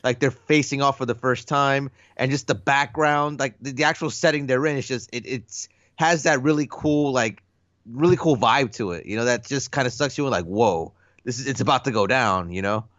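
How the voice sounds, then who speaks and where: A man's voice: mid-range voice, normal speed, a bit bright, dry recording, highs cut off. Laid-back man saying "bro" on a dry mic. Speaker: podcast co-host. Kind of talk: casual film discussion.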